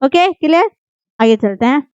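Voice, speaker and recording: A woman's voice: high voice, expressive, normal speed, no room sound. A woman, teaching an Urdu writing lesson patiently and often checking that her students follow. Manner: patient, repeats checks like "ठीक है?". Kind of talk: explaining script lesson. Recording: dull, dry, lo-fi voice.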